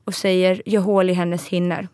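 A woman's voice: lowish voice, little pitch movement, darkish tone, clean tone, dry recording, studio quality. A woman, a podcast guest, telling a personal story with emotion, acting out the voices of the people she quotes and laughing often.

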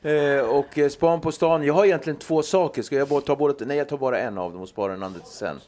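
A man's voice: medium pitch, darkish tone. A man hosting a podcast in casual chat, upbeat and playful. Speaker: podcast host.

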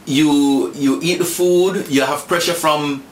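A man's voice: on the high side, fairly even intonation, takes it slowly. A man from Jamaica talking reflectively and casually as an interview guest, repeating phrases for emphasis. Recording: roomy echo, clear background noise.

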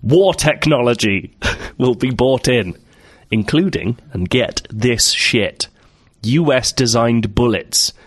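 A man's voice: medium pitch, animated, slow, breathy edge, no echo. A man co-hosting a comedy podcast, reading news stories aloud and riffing on them with frequent laughter. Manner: riffing, laughs often, mock-dramatic readings. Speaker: podcast co-host.

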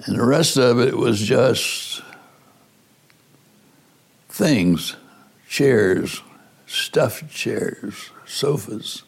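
An older man, a former prosecutor, recounting past events slowly and deliberately in an interview, often pausing to find his words. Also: medium pitch, animated, vocal fry, breathy edge. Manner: slow, deliberate, searching for words.

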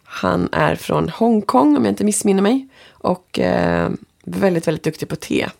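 A woman's voice: fairly low pitch, animated, moderate pace, creaky, darkish tone. A woman who is a native Swedish speaker, hosting a podcast in a casual, conversational interviewing style.

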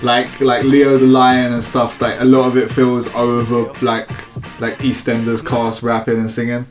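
A man's voice: medium pitch, completely flat delivery, moderate pace, faint music behind. A man, chatting casually in a blokey, slangy, sweary way. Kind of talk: casual chat.

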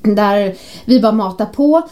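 A woman co-hosting a podcast, chatting casually and acting out quoted messages and calls as she tells a story. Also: medium pitch. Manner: animated storyteller, acts out quoted texts and calls. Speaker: podcast co-host. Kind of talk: casual chat.

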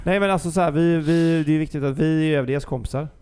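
A man's voice: fairly high pitch, darkish tone, clear, resonant tone. A man co-hosting a casual podcast, teasing his guest in a jokey way. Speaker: podcast co-host.

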